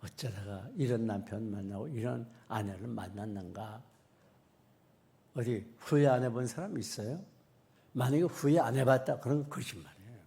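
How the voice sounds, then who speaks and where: A man's voice: medium pitch, normal speed, creaky, warm tone. A male pastor preaching a sermon in a conversational style full of rhetorical questions.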